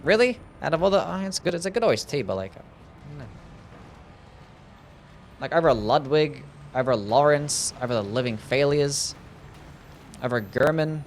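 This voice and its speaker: A man's voice: a little high, animated, moderate pace, pauses often, a little hiss or hum. A young Australian man streaming a game, chatting sarcastically with chat and swearing often. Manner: sarcastic, swears a lot, reads chat aloud. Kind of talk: casual gaming stream chat.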